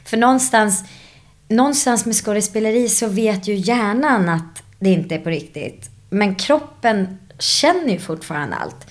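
A woman actress in a casual interview, reflective and animated as she tells stories, dropping in English phrases. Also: mid-range voice. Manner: drops English phrases into her speech. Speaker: actress guest.

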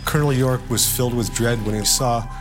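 A man with an average-pitched voice explains history as a documentary interviewee. Music plays clearly underneath his commentary. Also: steady tone, a little fast. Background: music behind the voice.

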